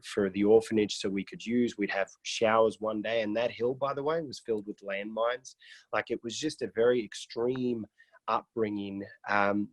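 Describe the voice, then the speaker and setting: Man from Iraq, low voice, dry video call sound, casual storytelling, joking, restarts. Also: no room sound. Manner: joking, with frequent restarts and fillers. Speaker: guest on a mentoring call.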